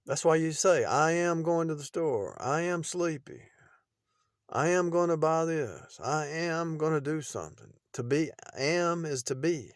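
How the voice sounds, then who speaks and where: A man's voice: fairly high pitch, lively intonation, a little slow, no echo. Middle-aged guy rambling about faith, lots of restarts, dry close sound. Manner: rambling, repetitive, with restarts and shifting loudness. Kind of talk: unscripted preaching monologue.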